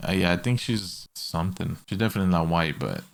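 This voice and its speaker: A man's voice: sits low, fast, creaky. A young man co-hosting a casual reaction podcast, ranting bluntly and with lots of swearing. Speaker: podcast co-host.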